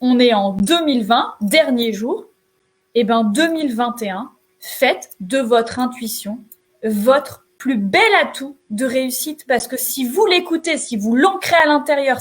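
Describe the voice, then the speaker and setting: A woman entrepreneur co-hosting a show, giving casual motivational advice in an emphatic, colloquial way. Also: high voice.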